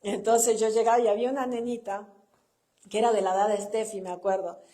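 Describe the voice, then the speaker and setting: A woman's voice: mid-range voice, steady tone, fairly quick, mellow. A middle-aged woman with a Chilean accent, a pastor's wife giving a conversational sermon through personal stories, often tagging her sentences with a questioning "no?". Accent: Chilean Spanish. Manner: anecdotal, tags sentences with "¿no?", laughs at own stories. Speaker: pastor's wife and church speaker.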